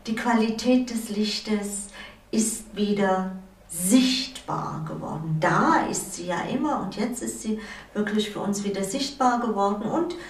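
A middle-aged woman hosting a calm spiritual talk show, speaking gently with many pauses. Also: mid-range voice. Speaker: host. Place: living-room studio with wall hangings. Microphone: far camera. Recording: roomy sound from a distant mic.

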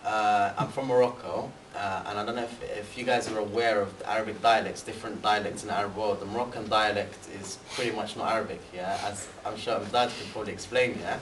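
Brisk and with hardly any pauses, a young British man speaks in a voice on the low side as a university student guest speaker, seated and answering questions about studying abroad. He rambles, full of fillers and restarts, with animated gestures. The large indoor room with its banner is recorded by a far camera, sounding echoey with faint hiss.

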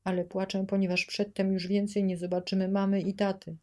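A woman's voice: mid-range voice, little pitch movement, fairly quick, a little mellow, voice pushed up, natural voice. A woman reading a tearful brave little girl. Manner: tearful, trying to sound strong. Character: small frightened but brave little girl.

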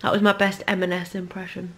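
A woman's voice: on the low side, little pitch movement, normal speed, fairly bright tone. A woman in her thirties with a Geordie accent, chatting casually to her camera at home in a rambling family vlog. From North East England. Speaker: vlogger, mother.

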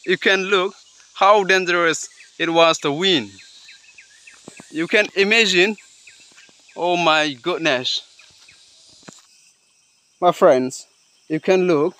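Slow, high-voiced male vlogger. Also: pushed and bright. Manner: halting short phrases, repeating himself. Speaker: vlogger exploring outdoors. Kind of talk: outdoor exploration vlog. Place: outdoors on riverbed, hillside and forest.

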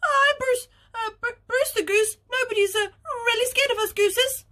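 A woman's voice: very high voice, normal speed, bright, forceful tone, voice pushed up. A woman voicing a nervous male goose in a storybook, stammering and hesitant.

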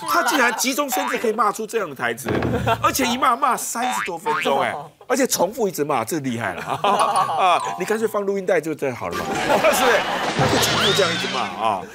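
An actor playing a blustering, self-important middle-aged politician in a comedy sketch, with a Taiwanese Mandarin accent, bombastic and forever asking "right?". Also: male voice, high-pitched, very animated, a loud crowd. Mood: mocking. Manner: bombastic, keeps asking "right?", drawn-out exclamations. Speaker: satirical politician character. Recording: loud music underneath.

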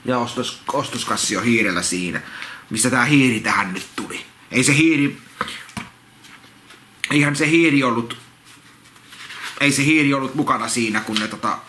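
A man reading a children's picture book aloud, rambling into repetitive, halting asides and restarts. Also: medium pitch, pushed and bright. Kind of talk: casual read-along with rambling commentary. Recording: roomy echo, faint background noise.

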